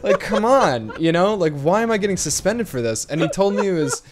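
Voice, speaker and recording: Young man, streamer, crude animated storytelling, headset chat. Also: sits high, brisk, noisy background. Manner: animated storytelling, lots of swearing and laughing. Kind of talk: casual chat.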